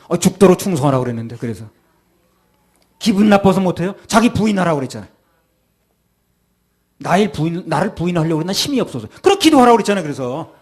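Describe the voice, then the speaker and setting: A man's voice: a little high, breathy edge. A male pastor giving a sermon, acting out people's excuses in quoted voices.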